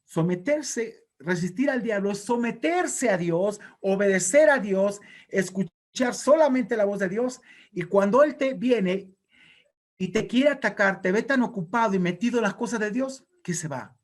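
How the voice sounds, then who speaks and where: A man's voice: high-pitched, animated, measured pace. A male pastor preaching a sermon in an emphatic, exhorting way.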